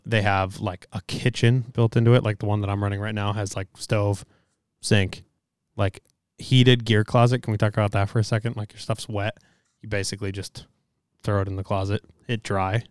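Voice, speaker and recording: A podcast host, tired after a long day, talks loosely and profanely with lots of fillers in casual podcast chat that includes ad reads. His voice is fairly low with a clean tone, and the recording is dry and studio quality.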